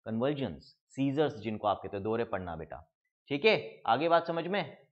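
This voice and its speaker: Lively Indian man teaching biology. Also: medium pitch, normal speed, lo-fi sound. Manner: explains step by step, often asks the class questions and answers them; mixes English terms into Hindi speech, calls students kids. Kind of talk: online exam-prep lecture.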